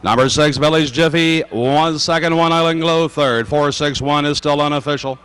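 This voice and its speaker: A man's voice: on the high side, fairly even intonation, normal speed, a bit bright, smooth. A man announcing at a horse racetrack in a formal, projecting way, reading results and payouts over the public-address microphone.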